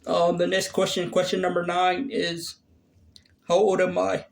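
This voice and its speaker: A man in his thirties talks to his viewers in a halting, earnest way, pausing often on fillers and starting sentences over. His voice sits high for a man and stays strikingly flat, with a gravelly fry running through it. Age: 30s. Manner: hesitant, many fillers and restarts. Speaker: vlogger. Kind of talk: casual Q&A vlog.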